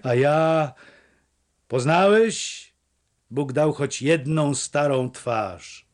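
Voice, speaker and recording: A man's voice: fairly high pitch, extremely slow. A man voicing a cocky young wanderer who banters boldly and teasingly. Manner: teasing, bold.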